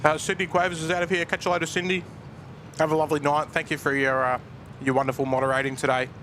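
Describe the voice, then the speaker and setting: A man's voice: a little high, little pitch movement, fast talker, fairly bright tone. Man commentating over outdoor noise. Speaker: plane spotting livestream host. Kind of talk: casual live commentary. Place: outdoors at an airport. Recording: outdoor ambient noise behind voice.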